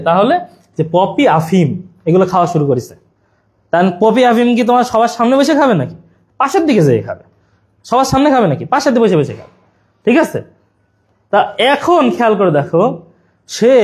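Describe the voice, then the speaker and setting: Speaking in a high, darkish voice, a young man runs an exam-prep lesson. He chats casually with his students and weaves playful memory tricks into his teaching.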